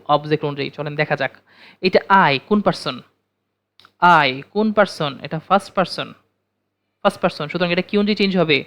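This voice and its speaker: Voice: mid-range voice, a bit bright. A teacher giving a recorded grammar lesson, repeating each question and then answering it himself.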